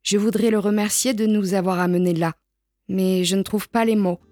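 A woman reading a picture book aloud in a gentle, deliberate way, pausing between short phrases. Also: medium pitch, fairly even intonation, soft background music. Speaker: storybook reader.

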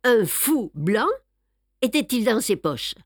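A woman reading an audiobook, voicing a fussy, precise middle-aged male detective who speaks crisply and teases. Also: a little high, big pitch swings, slow pace, no echo, clean studio sound, voice pushed up, full character voice. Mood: excited. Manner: crisp, teasing, orderly. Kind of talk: audiobook character voice.

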